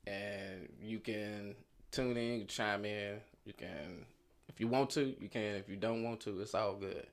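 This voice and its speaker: A man co-hosting a late-night radio show, explaining a segment in an easygoing way, his voice trailing off softly. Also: lowish voice, measured pace. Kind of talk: casual radio banter.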